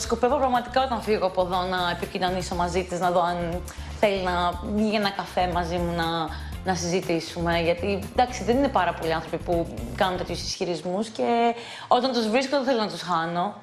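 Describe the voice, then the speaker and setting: A woman's voice: fairly low pitch, faint music behind. A woman contestant chatting eagerly about her ideas. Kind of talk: casual chat.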